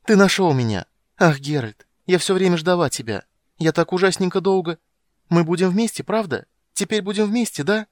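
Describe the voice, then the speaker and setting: A man voicing a small, excited young girl who clings and pleads in a high, shrill voice. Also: normal speed, dry recording, clean studio sound, natural voice. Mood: excited pleading.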